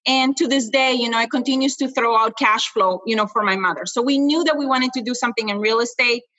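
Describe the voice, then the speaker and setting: A woman from Honduras, a guest entrepreneur, talking quickly and casually in an interview with many fillers. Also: on the high side, fairly bright tone, muffled recording.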